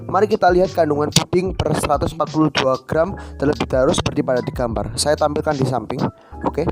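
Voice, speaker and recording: A teenage male student reads a scripted school presentation through a face mask, slightly muffled and stumbling on words. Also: a little high. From Indonesia. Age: teens. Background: music.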